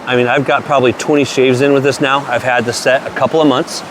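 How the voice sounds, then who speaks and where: This review of shaving products comes from a man in his late forties with a mid-range, level voice and a quick pace. Casual and enthusiastic, he speaks plainly and drops the occasional mild curse. There's background noise throughout.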